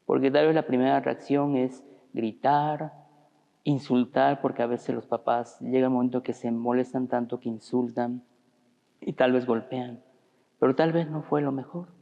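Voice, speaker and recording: Gravelly priest preaching. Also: male voice, mid-range voice, flat delivery, normal speed, warm tone, in a large hall, lo-fi sound. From Mexico. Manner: storytelling, addresses the congregation as brothers. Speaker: parish priest. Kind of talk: sermon. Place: church.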